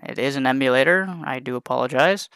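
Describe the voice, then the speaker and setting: A man's voice: medium pitch, fast, creaky, clear, resonant tone, dry recording. A man giving unscripted commentary on a racing game he is playing, rambling and correcting himself with apologetic asides. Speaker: gaming channel host. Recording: voice over loud game music. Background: racing game music and engine sounds.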